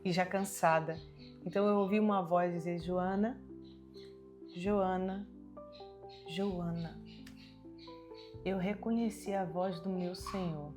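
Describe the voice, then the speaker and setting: A woman's voice: fairly low pitch, moderate pace, over music. A woman missionary telling her personal testimony in an earnest voice, acting out remembered dialogue. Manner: earnest storytelling.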